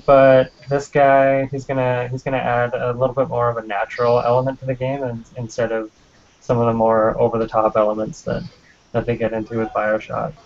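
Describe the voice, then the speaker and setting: A man's voice: mid-range voice, completely flat delivery, fairly quick, creaky. A man being interviewed on a podcast about his game, talking hesitantly with many ums and uhs. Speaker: game developer guest. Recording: dull lo-fi podcast audio.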